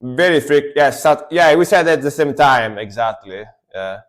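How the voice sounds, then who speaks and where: A man's voice: medium pitch, moderate pace. A man from Italy, streaming and giving enthusiastic, rambling commentary while reacting to metal music.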